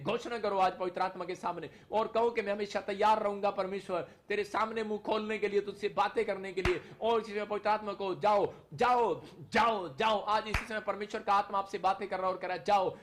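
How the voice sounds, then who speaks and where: High-voiced fervent preacher man. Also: fairly even intonation, fairly quick, hardly any pauses, a bit bright, a little hiss or hum. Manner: leads the audience in repeated call-and-response declarations. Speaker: pastor. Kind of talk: fervent prayer sermon.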